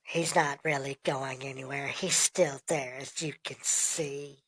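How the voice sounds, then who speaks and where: A man's voice: medium pitch, steady tone, measured pace, fairly bright tone, no echo. A man talking through a voice changer set to a female voice, joking and teasing in casual podcast banter. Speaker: podcast co-host.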